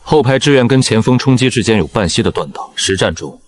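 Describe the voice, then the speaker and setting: A man voicing a gruff, protective male guardian in an animated drama, speaking in curt, clipped lines. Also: medium pitch, a little fast, lightly acted. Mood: stern.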